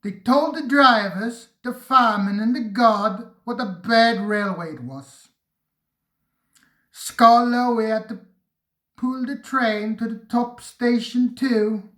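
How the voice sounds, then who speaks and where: A narrator reading a railway storybook aloud in an expressive way, recorded in a roomy space. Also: mid-range voice, slow.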